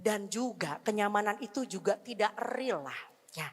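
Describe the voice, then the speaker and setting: A woman preaching a revival sermon, emotional, swinging between loud pleas and hushed tones, mixing in English words. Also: medium pitch, animated, moderate pace, slightly rough. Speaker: seminar speaker. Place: church hall. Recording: long hall reverb.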